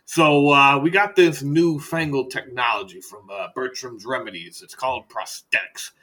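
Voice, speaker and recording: A man voicing a loud, crude, jovial male back-alley doctor with a salesman's patter. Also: medium pitch, moderate pace, voice pushed up, natural voice. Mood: salesy.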